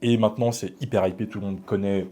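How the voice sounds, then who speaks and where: A man's voice: fairly low pitch, steady tone, quick pace, dark tone. A man chatting casually as a guest, in a slangy, informal way. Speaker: guest, horror film content creator. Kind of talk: casual chat.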